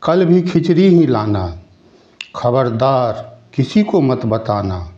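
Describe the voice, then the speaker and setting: A man's voice: mid-range voice, sing-song, slow, dark tone, dull audio. A man voicing a greedy, bossy and gullible jackal in a children's folk tale, giving demanding, sing-song commands.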